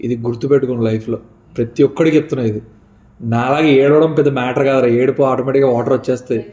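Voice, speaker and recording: A man's voice: mid-range voice, steady tone, fast talker, mellow. A young man being interviewed, speaking earnestly and from the heart about love and his life. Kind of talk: emotional interview. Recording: dull lo-fi sound.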